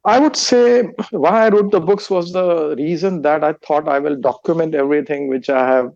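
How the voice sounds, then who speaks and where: With a slightly high, a little mellow voice marked by vocal fry, an Indian man speaking Hindi with an Indian accent responds to interview questions, halting and frequently restarting and using fillers. He is the guest, an author and meditation teacher, captured in a dry recording with the highs cut off.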